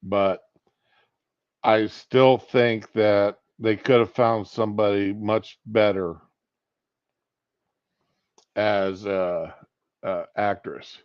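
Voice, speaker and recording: Slow-talking man, just woke up. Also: on the low side, steady tone, smooth. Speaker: live stream host. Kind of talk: casual rambling live stream commentary. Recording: boxy echoing room, dull sound.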